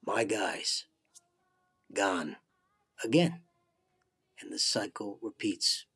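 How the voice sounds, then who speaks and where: A man playing a childish mafia boss in a comedy sketch, speaking solemnly and deliberately like a fatherly godfather. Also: on the low side, gravelly, bright, forceful tone, slightly rough, exaggerated voice. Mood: pleased, scheming. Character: childish Italian-American mob boss, grave and fatherly. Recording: music playing under the voice.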